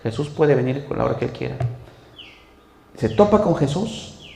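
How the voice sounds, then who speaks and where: Brief: male pastor, animated sermon, swinging pitch, roomy church reverb. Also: normal speed, creaky, a little hiss or hum. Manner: animated storytelling, acts out quoted speech. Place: church hall. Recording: echoey church hall.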